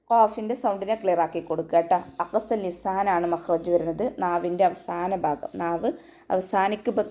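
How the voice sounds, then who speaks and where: A woman teaching Quran recitation in an online tajweed lesson, giving steady step-by-step instruction and often ending with a gentle check-in. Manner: breaks into slow, high, sustained chanting for verse examples.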